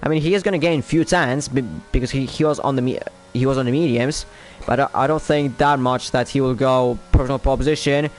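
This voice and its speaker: A man's voice: mid-range voice, steady tone, fairly quick, hardly any pauses, soft background music. A young man with a Polish accent commentating a sim racing league qualifying session live, thinking aloud between laps and lifting sharply whenever a lap time lands. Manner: lifts sharply and speeds up on lap times, otherwise thinks aloud. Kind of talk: live esports race commentary.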